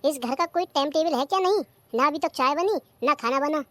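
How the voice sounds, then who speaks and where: A performer doing a whiny idle young husband, squeaky. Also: male voice, a little fast, sharp tone, dry recording. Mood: complaining. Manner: demanding, whiny complaints about timing. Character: idle young husband and son, demanding and lazy. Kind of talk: cartoon comedy skit.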